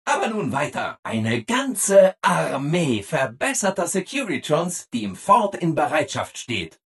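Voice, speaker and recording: A man voicing a relentlessly cheerful, eager-to-please robot assistant in a video game, over-polite and exaggeratedly upbeat, with a husky voice. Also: on the high side, big pitch swings, a little slow, exaggerated voice. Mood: cheerfully informative.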